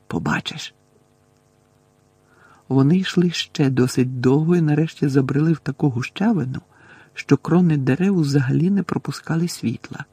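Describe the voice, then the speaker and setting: A man's voice: on the high side, brisk, dark tone, breathy edge, no echo. A man narrating an audiobook expressively and voicing every character.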